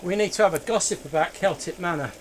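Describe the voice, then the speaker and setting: A male podcast host with a slightly raised pitch, chatting casually. He listens sympathetically and keeps chiming in with short replies, over a faint background noise. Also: fast. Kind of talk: casual chat.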